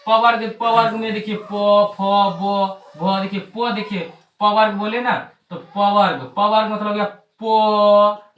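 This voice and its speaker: High-voiced teacher drilling phonetics. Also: male voice, little pitch movement, slow, fairly bright tone. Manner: repetitive drilling, chant-like recitation. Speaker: exam coaching teacher. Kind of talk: classroom lesson on Hindi phonetics. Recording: roomy echo, mic at a distance.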